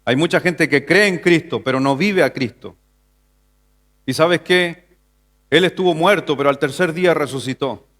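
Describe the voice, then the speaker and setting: A man from Chile, a pastor, preaching a Sunday sermon in church, asking the congregation questions and building to emphatic passages. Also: fairly bright tone. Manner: preaching with rhetorical questions, rising to an emphatic pitch. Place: church sanctuary.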